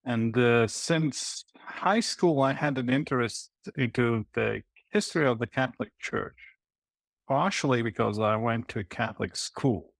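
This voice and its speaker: A man from Latvia, in his forties, speaks in a mid-range voice. He answers interview questions thoughtfully, pausing on fillers and restarting sentences. The sound is dry and close. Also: mid-range voice, gravelly, dry recording. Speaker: guest historian.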